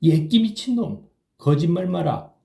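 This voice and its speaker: A man's voice: a little high, lively intonation, normal speed, mellow, echoey room, pitched above the performer's own voice, natural voice. A man voicing a sober, wary middle-aged drinking companion who pleads and scolds in an audiobook reading. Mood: incredulous. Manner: pleading, reproachful.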